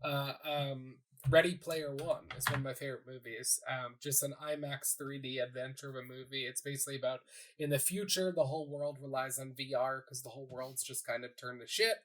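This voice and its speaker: A man's voice: medium pitch, steady tone, brisk, a bit bright, rough recording. A man co-hosting a podcast, chatting casually about movies and chiming in with his own thoughts. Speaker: podcast co-host.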